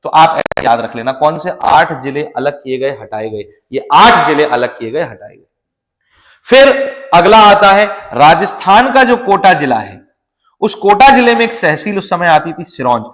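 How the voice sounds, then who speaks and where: A man's voice: a little high, fairly bright tone, low-quality recording. A man lecturing a class, chatty and repetitive, drilling lists and asking the students questions. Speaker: teacher.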